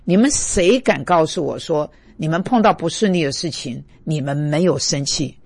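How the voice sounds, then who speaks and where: Husky-voiced pastor man preaching, rhetorical. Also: fairly high pitch, normal speed, no echo. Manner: animated, fires rhetorical questions at listeners; mixes English words into Mandarin. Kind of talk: sermon.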